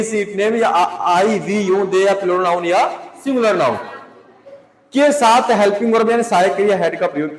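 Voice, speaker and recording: A male teacher giving a classroom grammar lesson. He asks his students questions, answers them himself, and spells out English words letter by letter. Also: high voice. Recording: echoey room with long reverb.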